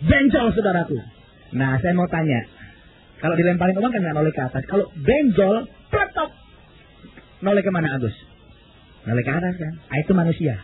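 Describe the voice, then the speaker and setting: A male pastor preaching in a lively storytelling way, acting out voices and calling out to the congregation. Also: sits high, fairly quick, pauses often, phone-quality sound, a little hiss or hum. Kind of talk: sermon storytelling.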